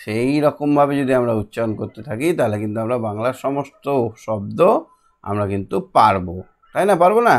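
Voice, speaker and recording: A middle-aged man teaching a classroom lesson, patiently repeating and drilling syllables slowly. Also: mid-range voice, expressive.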